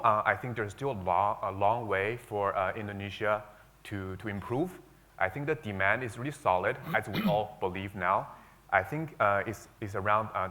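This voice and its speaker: A man's voice: fairly low pitch, bright, forceful tone. A man speaking on a conference panel, hesitant and full of fillers as he explains his view. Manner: hesitant, many fillers and restarts. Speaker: panelist, investor. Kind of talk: panel discussion.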